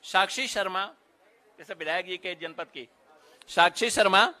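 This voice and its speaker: A man's voice: high-pitched, some chatter behind. A man announcing students' names one by one at an award ceremony, with brief instructions to the children between names. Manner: steady roll-call of names, brisk stage directions. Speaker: event announcer.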